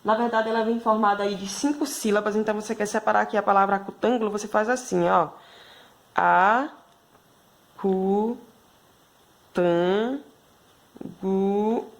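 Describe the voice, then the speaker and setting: A woman's voice: mid-range voice, fairly even intonation, quick pace, few pauses. A woman with a Brazilian Portuguese accent giving a video math lesson to schoolchildren, explaining patiently and checking in with constant tag questions. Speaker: primary school math teacher.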